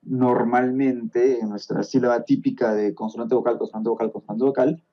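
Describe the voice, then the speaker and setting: A man's voice: mid-range voice, fairly even intonation, moderate pace, muffled recording. A man with a Peruvian Spanish accent, a guest explaining a topic step by step on a podcast, often checking that his listener follows. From Peru. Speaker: guest expert on Tolkien's languages.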